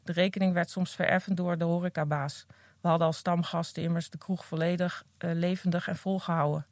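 A woman's voice: fairly low pitch, little pitch movement, fairly quick, no echo. Woman reading her memoir, dry sound. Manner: earnest, candid first-person reading. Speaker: recovering addict reading from her own book.

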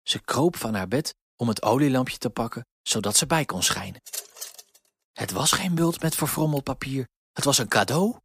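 A man reading a children's story aloud in a gentle, expressive way. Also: mid-range voice, moderate pace, breathy edge, no echo, clean studio sound.

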